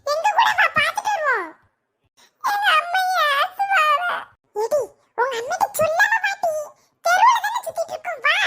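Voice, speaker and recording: A woman voicing a chatty village girl in a cartoon, talking in a lively, teasing way with laughter. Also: very high voice, exaggerated voice.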